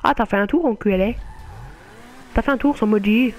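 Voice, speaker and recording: A man's voice: high-pitched, fairly quick. A man giving casual commentary over a racing game, jokingly telling a friend off again and again. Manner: playfully scolds a laughing friend over and over. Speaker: gaming video host.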